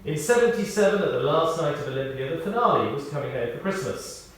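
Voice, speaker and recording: The voice is a British man's, pitched fairly high, reading a memorial eulogy that includes light-hearted anecdotes. Heavy reverberation from a large space and a far-off microphone colour the sound, along with faint noise. His delivery stays measured yet animated, with deliberate pauses and stressed words.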